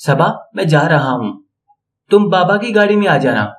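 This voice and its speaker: A man's voice: on the high side, expressive, fairly bright tone, far from the mic. A man voicing a hurt young man who keeps his words short in an audio story. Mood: curt.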